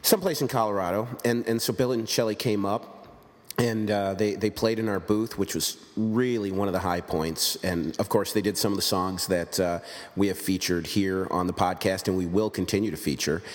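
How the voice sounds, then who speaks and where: Man, low voice, casual podcast host, rambling and jokey, long reverb around him. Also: steady tone, normal speed. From United States. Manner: joking, rambling, self-deprecating.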